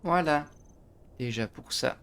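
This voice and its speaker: Gaming channel host, male, talks a player through a game step by step, slow and gravelly. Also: a little high, fairly bright tone. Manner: step-by-step explaining, frequent "hop" and restarts. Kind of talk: game tutorial commentary.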